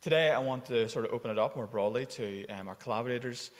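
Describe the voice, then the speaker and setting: A man's voice: medium pitch, fast talker. A man giving an informal conference welcome at a lectern, with many fillers. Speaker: conference organiser and academic. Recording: long hall reverb.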